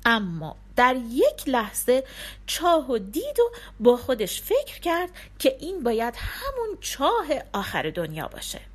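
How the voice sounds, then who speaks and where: A woman narrating a folk tale for listeners, expressive and acting out the characters. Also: high voice.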